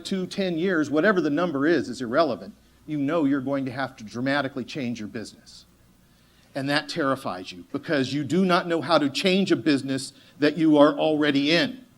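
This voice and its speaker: A man giving a motivational conference talk, animated and joking, acting out the voices of the people he quotes. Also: on the high side, normal speed. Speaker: keynote speaker.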